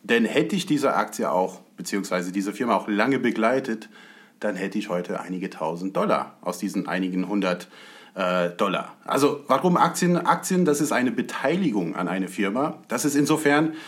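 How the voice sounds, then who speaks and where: A man's voice: fairly low pitch, expressive, moderate pace. A man raised in the USA, a guest explaining his views in an earnest, conversational way. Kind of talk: conversational talk.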